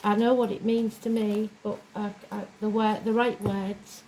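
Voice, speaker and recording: A woman's voice: mid-range voice, level tone, measured pace, warm tone, rough recording. A woman giving an informal horoscope reading in a plain-spoken, rambling way, as host of a zodiac series. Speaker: tarot and astrology reader, host of a weekly zodiac reading. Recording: clear fan noise behind the voice. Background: whirring fan.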